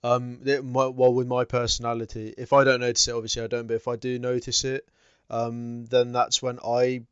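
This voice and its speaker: A young man with a smooth, clear voice co-hosts a podcast, picking his way through his thoughts with ums and pauses. The recording is dry and slightly dull and lo-fi. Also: medium pitch, completely flat delivery, dry recording. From United Kingdom. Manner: hesitant, full of ums and pauses. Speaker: podcast co-host. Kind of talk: casual chat. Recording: dull, lo-fi mic.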